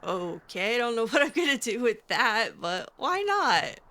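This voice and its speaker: Speaking in character as a mage, a woman comments casually on the video game she's playing, adding wry, sarcastic and skeptical asides. Her voice is on the high side, sharp and sing-song, and a little slow.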